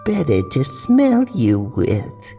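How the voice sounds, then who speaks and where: A man voicing a wolf who poses as a sweet old grandmother, with a soft, raspy old-lady voice and a falsely coaxing manner, in a storybook horror tale. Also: mid-range voice, huge pitch swings, slow pace, in a large hall, faint music behind, pitched above the performer's own voice, exaggerated voice.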